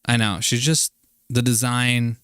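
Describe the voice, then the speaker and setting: A man's voice: mid-range voice, level tone, unhurried, a bit bright, smooth, dry recording, studio quality. A man giving casual, rambling commentary as he streams a video game, wry and musing, trailing off mid-thought.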